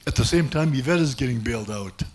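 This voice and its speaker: A man's voice: mid-range voice, expressive, fast. A man doing stand-up, telling a rambling self-mocking story with many restarts. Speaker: stand-up comedian. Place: comedy club stage.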